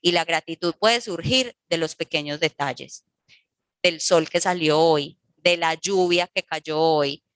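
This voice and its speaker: A woman's voice: fairly low pitch, a bit bright, dry recording. A woman giving a talk to parents about emotions, explaining step by step and often checking in with her listeners. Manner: didactic, checks in with "¿sí?" and "¿listo?". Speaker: workshop speaker for parents.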